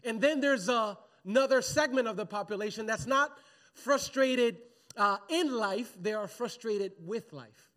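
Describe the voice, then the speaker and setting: A man's voice: extremely high pitch, unhurried, fairly bright tone. A man preaching a sermon in a church, in a casual, conversational way, often calling on the congregation to respond. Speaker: pastor. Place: church sanctuary.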